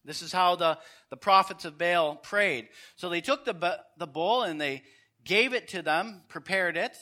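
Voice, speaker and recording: Male pastor, bright and high, animated sermon storytelling. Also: unhurried. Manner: animated storytelling preacher, acting out dialogue.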